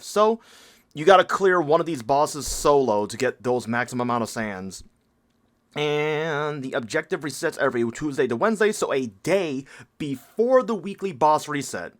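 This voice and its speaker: A man's voice: mid-range voice, a bit bright. A man who is sick with a stuffy nose and a nasal voice, talking through a game event in a casual, rambling walkthrough and correcting himself as he goes. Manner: rambling, self-correcting, thinking aloud. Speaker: game guide creator.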